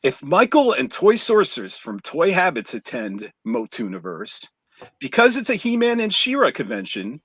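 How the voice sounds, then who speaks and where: Husky man reading a jokey countdown. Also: a little high, huge pitch swings, fairly bright tone, no room sound. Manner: jokey, reads list items with dramatic pauses. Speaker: podcast co-host reading a countdown list. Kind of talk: casual live-stream chat, reading a top ten list.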